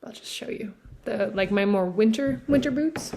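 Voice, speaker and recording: A knitting podcast host from Newfoundland, Canada, chatting casually and rambling with fillers and self-corrections as they show yarn and socks in a seaside cabin. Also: female voice, fairly high pitch, moderate pace, warm tone. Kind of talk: casual show-and-tell chat. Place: cabin by the sea.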